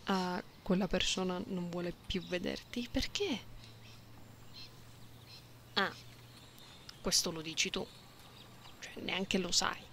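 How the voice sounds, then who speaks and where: With a fairly low voice, a woman plays a genetically modified cat-girl, gentle and playful, who comforts a lonely listener in ASMR roleplay. Her delivery is soft, intimate, slow and soothing, drifting into whispers, teasing and playful, sprinkled with meows and purry hums. A close binaural microphone captures it, with faint background noise.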